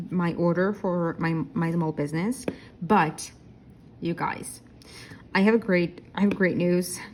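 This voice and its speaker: A woman in her thirties chats casually in a diamond painting vlog while she crafts, tired and yawning, rambling with fillers and correcting herself. Her voice is on the low side with a darkish tone, over a little hiss or hum.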